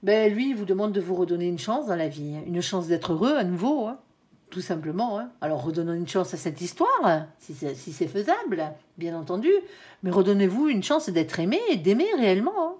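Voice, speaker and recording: A woman's voice: fairly low pitch, sing-song, brisk, dark tone. A woman giving a tarot reading to viewers, chatty and reassuring, with frequent "hein" tags and the odd stumble over her words. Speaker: tarot card reader.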